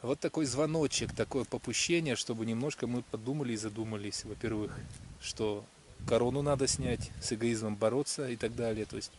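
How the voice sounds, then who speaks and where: A man talks to camera outdoors in the countryside, musing on faith. He speaks in a middling voice, hesitant and full of pauses and fillers. Faint outdoor noise sits behind him. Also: mid-range voice, darkish tone. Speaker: vlogger. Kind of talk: casual spiritual musing to camera. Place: outdoors in a rural area.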